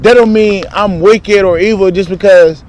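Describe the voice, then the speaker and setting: A man's voice: high-pitched, fairly even intonation, moderate pace, darkish tone, slight background noise. A man talking in a casual spiritual vlog, rambling and candid, full of profane street slang, recorded outdoors. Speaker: spiritual vlogger.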